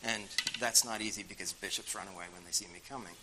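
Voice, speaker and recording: Fielding audience questions as a guest speaker, this older Bostonian talks fast in a fairly low voice, replying casually with blunt, dry humor and many filler words. The recording is very noisy.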